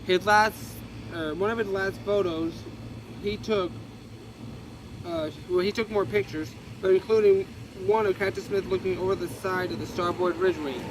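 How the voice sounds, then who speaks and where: Reading aloud from a history book and adding asides, a high-voiced man stumbles over words and keeps correcting himself in a casual, unpolished way. His intonation is fairly even and his speed normal. Traffic and street noise can be clearly heard in the background.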